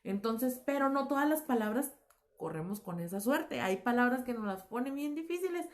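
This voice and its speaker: A woman's voice: on the high side, animated, moderate pace. A woman teaching a recorded lesson, explaining patiently with fillers and self-corrections. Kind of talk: recorded class lecture.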